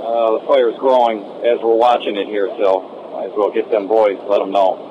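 A man's voice: lowish voice, level tone, normal speed. A man reporting what he sees to his chief as a firefighter, in urgent messages over two-way radio. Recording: dull radio with faint noise.

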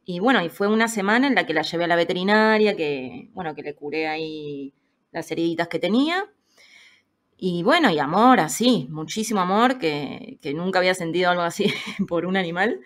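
Lively Argentine woman with a lowish voice. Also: fairly quick. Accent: Argentine Spanish. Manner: lively, acts out quoted voices. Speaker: podcast guest. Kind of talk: casual storytelling chat.

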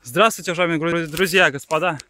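A man's voice: a little high, quick pace, bright, forceful tone, soft background music. A man in a casual vlog, calling out playfully to test the echo in a hollow, cave-like space. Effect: cave-like echo around the voice. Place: echoey enclosed space, hollow stone chamber. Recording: roomy echo, voice far from the mic, faint noise.

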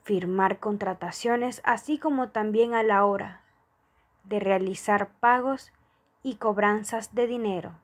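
Slow, soft-spoken woman reading a prayer. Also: mid-range voice. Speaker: prayer reader. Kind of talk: slow guided prayer and affirmations.

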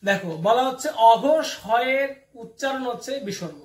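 A man from Bangladesh teaches a grammar lesson in a very high voice. He keeps putting questions to his students and then answers them himself. He sounds far from the mic, in an echoey room. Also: lively intonation, moderate pace. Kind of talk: classroom lesson.

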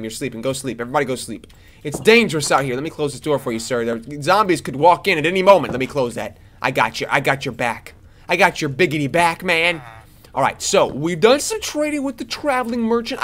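A young man giving casual commentary as he plays a game, chatty and excitable, talking to the characters on screen. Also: a little hiss or hum. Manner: excitable, jumps to high squeals. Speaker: let's play gamer.

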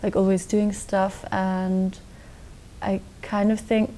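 Young woman, from Austria, interview guest, mellow, flat delivery, rambling with fillers, dark studio, faint rumble. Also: slow, poor audio. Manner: relaxed, rambling with many likes and restarts. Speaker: guest musician. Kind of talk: casual interview answers. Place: dark television studio set.

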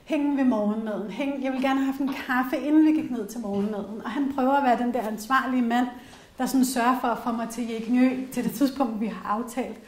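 A woman's voice: fairly high pitch, a little mellow, a little hiss or hum. Chatty Danish woman presenter, roomy hall. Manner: chatty and candid, frequent fillers, personal anecdotes. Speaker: workshop presenter on essential oils. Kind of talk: casual spoken workshop talk to a live group. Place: workshop room with an audience. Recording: roomy echoey workshop room.

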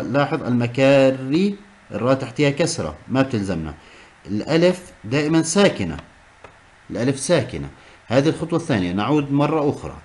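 A man teaching a class, explaining step by step and repeating key terms. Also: on the high side. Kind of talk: classroom lesson on Arabic prosody.

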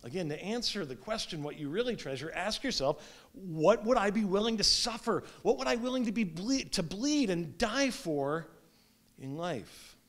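A man in his thirties preaching a sermon as pastor, speaking with wide swings in emphasis and loudness, recorded standing in a small church sanctuary. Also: sits high, animated, moderate pace. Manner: gestures while preaching standing up. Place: small church sanctuary with stone fireplace, indoors.

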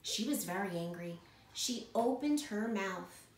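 A woman school principal reading a picture book aloud to children in a warm, expressive way. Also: mid-range voice, measured pace, reverberant, a little hiss or hum.

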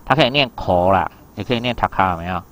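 A man's voice: sits low, fast talker, fairly bright tone. A man teaching an exam reading lesson, explaining in a loose chatty way and keeping asking his students whether they follow. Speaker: Japanese teacher.

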